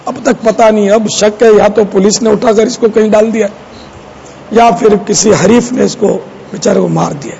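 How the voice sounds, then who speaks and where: Man, sermon storytelling, mellow dark voice, faint background noise. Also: high voice, fairly even intonation, gravelly, poor audio. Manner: conversational, addresses the audience. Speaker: preacher.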